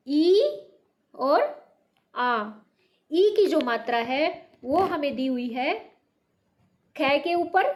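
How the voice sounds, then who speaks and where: A woman from North India teaching Hindi to beginners, patiently repeating words with stress. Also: high voice. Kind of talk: slow beginner language lesson.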